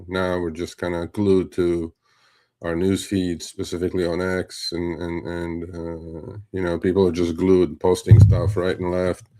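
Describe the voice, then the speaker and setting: A man's voice: sits low, mellow. A middle-aged man from Turkey hosting a live show, talking in a rambling, conversational way with many fillers and asides. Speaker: host. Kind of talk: casual livestream commentary.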